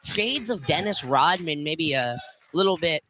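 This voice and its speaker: A man provides color commentary on a live basketball game for radio, explaining plays in a conversational, tentative way. His voice is fairly high and animated but unhurried, and the broadcast picks up the noise of the live gym.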